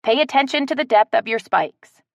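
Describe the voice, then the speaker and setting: A woman's voice: fairly high pitch, normal speed, gravelly, no echo, lo-fi sound, voice pushed up. A woman voicing a protective, hot-tempered tree-climbing woman who barks orders like a drill sergeant. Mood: commanding. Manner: commanding, strained calm.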